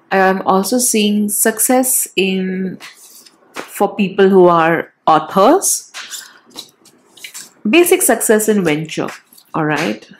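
Here the same kind of tarot reader speaks on the low side, her nasal, congested tone coming from a cold, in poor audio with slight background noise. Seated indoors at a decorated tabletop, the channel host reads cards casually for viewers and keeps reassuring them with quick "all right" and "okay" check-ins.

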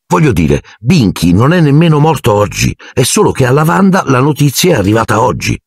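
A man's voice: medium pitch, very animated, a little fast, creaky, breathy edge, no room sound, studio quality, pitched above the performer's own voice, full character voice. A man voicing a clever, earnest teenage girl in an audiobook, reasoning things through. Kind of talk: audiobook character voice.

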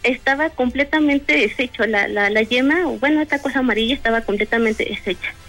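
A woman's voice: on the high side, fairly quick, fairly bright tone, soft background music, poor audio. A woman telling a personal story in a casual, hesitant way, with many fillers and restarts. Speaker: guest telling a paranormal story.

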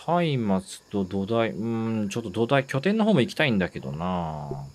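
A man giving let's-play commentary, excitable, talking to himself and repeating words in quick bursts. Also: lowish voice, slight background noise. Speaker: game streamer.

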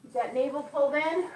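Female gym instructor, high-pitched, slow encouraging cues, echoey room, off-mic. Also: far from the mic, a little hiss or hum. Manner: encouraging, counts reps aloud. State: occasional coughing. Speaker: fitness instructor. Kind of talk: live workout class coaching.

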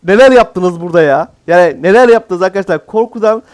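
A man's voice: high-pitched, expressive, a little fast, a little mellow. A man giving casual, jokey let's-play commentary as a gaming YouTuber, exclaiming often.

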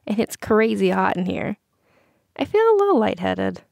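A woman's voice: mid-range voice, sing-song, moderate pace, creaky, darkish tone, no echo, clean studio sound. A woman voicing a carefree teenage party girl who talks in a breezy, playful way. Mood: woozy.

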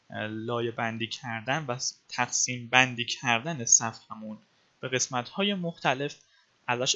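A man's voice: medium pitch, bright, forceful tone, lo-fi sound. A man teaching web design in a screencast, explaining step by step with frequent filler sounds and calling his viewers friends. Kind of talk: screencast coding tutorial.

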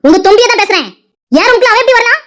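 Woman doing a shrill quarrelsome young wife. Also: expressive, rapid-fire, a bit bright. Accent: Tirunelveli Tamil. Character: sharp-tongued defiant young wife. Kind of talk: cartoon dialogue acting.

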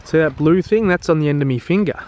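A man's voice: on the high side, fast talker, a little mellow, a little hiss or hum. An Australian man talking casually on a travel vlog, blunt and crude, swearing freely and joking about himself. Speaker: travel vlogger.

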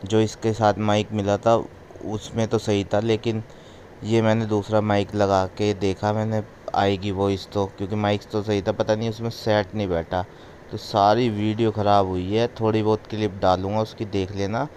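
A man's voice: lowish voice, level tone, moderate pace, darkish tone, slight background noise. A young man chattily narrating his own prank footage in a casual voice-over. He laughs often and keeps telling viewers to look. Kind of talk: excited casual voice-over commentary.

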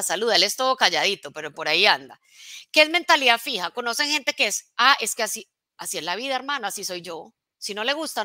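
A woman business coach giving an energetic motivational live talk, often checking in with her audience. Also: mid-range voice, no echo, studio quality.

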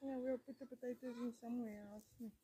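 A woman's voice: on the high side, fairly even intonation, brisk. Chatty woman in a noisy garden. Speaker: co-host homesteader. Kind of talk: casual chat. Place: outdoor vegetable garden. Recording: noisy outdoor audio.

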